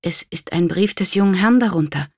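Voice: medium pitch, a little fast, no echo, studio quality, pitched above the performer's own voice, close to an everyday voice. A narrator voicing a polite, deferential lady's maid announcing the post.

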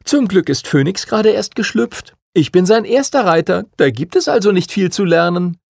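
A hopeful schoolboy who rides a dragon, from a storybook, as a man acts him out. Raised high and lively, with a slight gravel underneath, recorded dry. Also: moderate pace, no echo, full character voice. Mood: eager. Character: eager young schoolboy dragon rider.

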